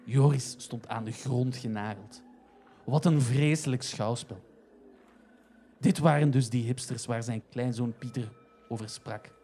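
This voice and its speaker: A man narrating a comic story in a steady, even way. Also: mid-range voice, measured pace, slight background noise.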